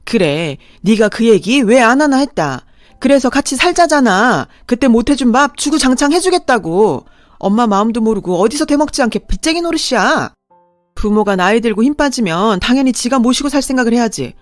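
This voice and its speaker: A woman doing a shrill scolding old mother. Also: animated, fairly quick, no room sound, clean studio sound, natural voice. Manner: sharp, nagging, raised voice. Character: aging mother, shrill, scolding and self-pitying.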